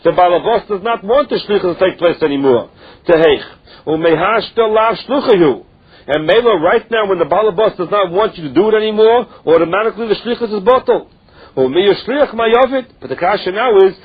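A man's voice: high-pitched, lively intonation, brisk, husky. A man with a Yiddish-influenced accent giving a religious text lesson, reading phrases and explaining them step by step with questions and answers. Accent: Yiddish-influenced English. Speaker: Talmud teacher. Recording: dull lo-fi recording.

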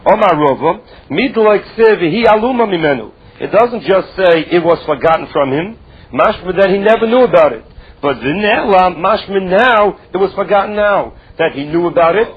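A man's voice: high voice, breathy edge, lo-fi sound. A man with a Yiddish accent teaching a religious text, explaining emphatically with repetition and rhetorical questions. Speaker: Talmud teacher.

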